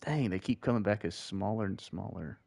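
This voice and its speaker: Low gravelly man with a mild Southern lilt. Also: moderate pace. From Georgia, US. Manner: relaxed, rambling, chats with viewers. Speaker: gaming streamer. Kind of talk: casual chat while gaming.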